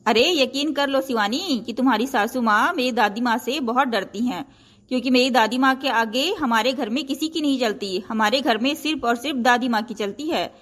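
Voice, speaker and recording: A woman's voice: on the high side, normal speed, a bit bright. A woman voicing a casual, teasing young husband in a cartoon. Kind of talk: cartoon voice acting.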